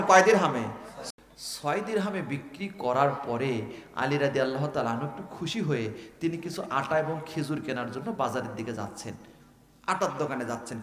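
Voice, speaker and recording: Forceful preacher man in an echoey hall. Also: mid-range voice. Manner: fires rhetorical questions at the crowd, demands answers. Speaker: maulana preacher. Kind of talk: sermon storytelling.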